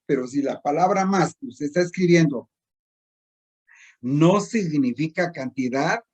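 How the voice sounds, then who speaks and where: A middle-aged male teacher explaining spelling rules slowly and repetitively, with many pauses. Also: on the high side, expressive, a little mellow, breathy edge. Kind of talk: recorded distance-learning spelling lesson.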